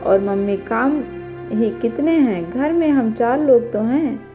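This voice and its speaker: A woman's voice: on the high side, slow pace, music in the background. A woman voicing a young newlywed daughter-in-law who speaks respectfully and eagerly in a storybook tale. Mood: earnest. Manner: respectful, deferential.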